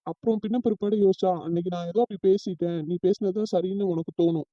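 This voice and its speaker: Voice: medium pitch, steady tone, fast, dry recording, lo-fi sound, close to an everyday voice. A performer voicing a hurt, resentful young man in a cartoon, brooding and bitter.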